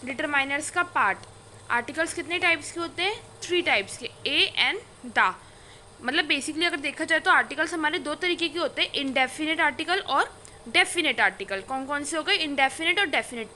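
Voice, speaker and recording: A woman's voice: high voice, brisk, pushed and bright, a little hiss or hum. A woman teacher explaining a grammar lesson, asking questions and answering them herself. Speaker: English teacher.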